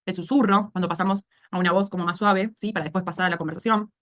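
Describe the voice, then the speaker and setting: Fast and steady in tone, her fairly low voice carries a bit of brightness and a Rioplatense Spanish accent. She lectures in an online speech therapy course, breaking explanations into steps and often asking "¿sí?" to confirm understanding.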